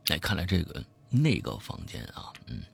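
A man who hosts a show, telling a scary story in the first person, swinging from hushed to loud. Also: low-pitched, wildly swooping pitch, moderate pace, vocal fry, breathy edge. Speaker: host reading a listener's story.

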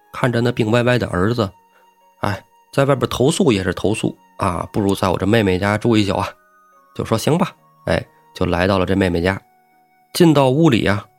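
A middle-aged man telling a story in a lively, colloquial way with chatty asides. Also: lowish voice, no room sound. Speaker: storytelling podcast host. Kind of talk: casual storytelling.

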